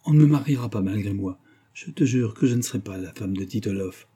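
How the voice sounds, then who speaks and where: A man reading an audiobook voices a pious young woman who speaks earnestly and resolutely, with a husky voice. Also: fairly low pitch, fairly quick, dark tone. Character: pious proud young woman, gentle but firm.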